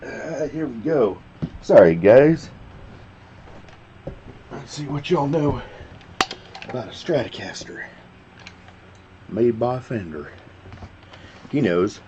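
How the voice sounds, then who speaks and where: A man's voice: mid-range voice, lively intonation, takes it slowly, long pauses, warm tone. A man giving casual reaction commentary, rambling and often stopping to restart his sentences. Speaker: reaction video host. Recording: dull lo-fi sound with faint background noise.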